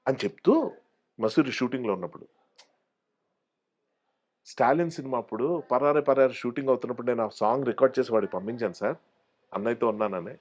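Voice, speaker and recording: A man's voice: medium pitch, fast talker, pauses often, darkish tone, highs cut off. A man, an actor as interview guest, telling stories casually and acting out the voices of people he quotes.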